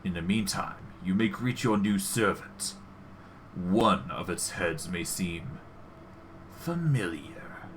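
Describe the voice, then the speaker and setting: A man as a grandiose, low ancient lich. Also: animated, a little hiss or hum. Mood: commanding, smug. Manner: commanding, grandiose, deliberate. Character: ancient undead lich mentor, male, grandiose and gleeful. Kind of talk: fantasy game role-play.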